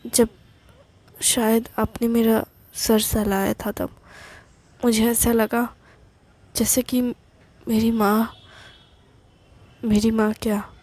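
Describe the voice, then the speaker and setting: A woman's voice: fairly high pitch, flat delivery, slow, long pauses. A woman voicing a tearful young woman. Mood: tearful, apologetic. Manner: soft, apologetic.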